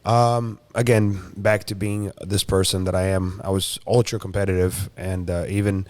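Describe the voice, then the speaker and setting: Guest: man in his thirties, raised in South Florida, low, dry close-mic sound, loose chatty delivery. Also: flat delivery, normal speed, darkish tone, dry recording. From Brazil, raised in South Florida. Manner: rambling, frequent "you know" and "uh" fillers. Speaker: guest, jiu-jitsu competitor and coach. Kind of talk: casual interview chat.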